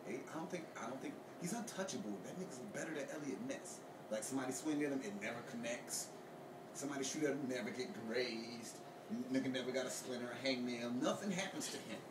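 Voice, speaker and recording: A man's voice: mid-range voice, fast talker. A man delivers an escalating comedic rant in casual conversation, recorded at a distance in an echoey room with noise behind him. He sounds exasperated and incredulous, swears freely and repeats his points for emphasis. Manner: slangy, profane.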